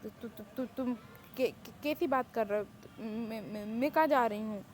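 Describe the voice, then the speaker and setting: A woman's voice: a little high, normal speed, close to an everyday voice. A woman playing a dramatic young woman held in a palace, stammering and indignant. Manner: stammering, indignant, self-pitying. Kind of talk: Hindi fan-fiction audio story.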